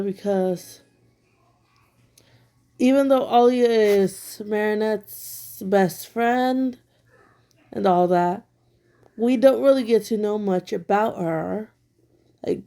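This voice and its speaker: Still a little sick, her throat bothering her, a woman online commentator shares blunt, critical opinions from home with lots of fillers. Her voice is on the high side and mellow.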